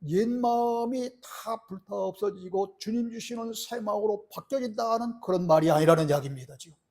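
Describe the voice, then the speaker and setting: A man's voice: high voice, dark tone, breathy edge. A middle-aged man preaching a sermon as pastor, earnest and asking the congregation rhetorical questions.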